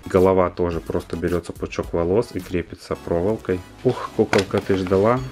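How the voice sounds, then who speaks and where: Casting: male unboxing reviewer, deep pitch, casual commentary with murmured asides, music underneath. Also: fairly even intonation, a little fast. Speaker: doll reviewer, unboxing host.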